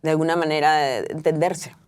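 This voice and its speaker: Reflective and a little fast, a middle-aged woman from Venezuela, an author being interviewed as a guest, speaks in a smooth, darkish, low-sitting voice with fairly even intonation. She keeps restarting sentences and leaning on fillers.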